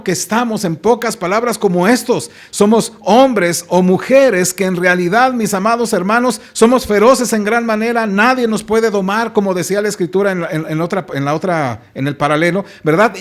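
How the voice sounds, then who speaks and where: A male pastor delivers a sermon in a rather high voice. He preaches with emphasis, often pausing to ask his listeners rhetorical questions and addressing them warmly as brothers.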